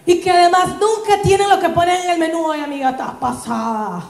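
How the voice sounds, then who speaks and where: A woman's voice: very high voice, steady tone, a little fast, gravelly, roomy sound. A woman voicing her exasperated female best friend, scolding and bossy, with a Nicaraguan accent. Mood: fed up.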